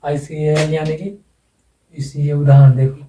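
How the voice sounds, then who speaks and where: Slow, dark-voiced man teaching in an echoey room. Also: fairly high pitch, little pitch movement, distant mic, slight background noise. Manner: slow, repeats words and spells them out letter by letter. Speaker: English phonetics teacher. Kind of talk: blackboard lesson explanation.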